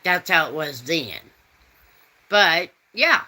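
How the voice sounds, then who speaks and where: Slow, rambling woman chatting with viewers. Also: deep voice, very animated, bright, forceful tone, poor audio. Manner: rambling, folksy, reads out chat comments. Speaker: host. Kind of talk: casual chat.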